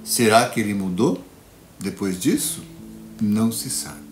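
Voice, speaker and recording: Lively male storyteller with guitar. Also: fairly low pitch. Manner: lively, playful, dramatic pauses. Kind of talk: children's storytelling performance. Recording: echoey room with guitar music.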